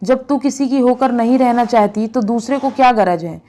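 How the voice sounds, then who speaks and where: A woman's voice: a little high, normal speed, dark tone, natural voice. A woman voicing a brooding, proud young village husband who answers in curt, irritable retorts. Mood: sullen.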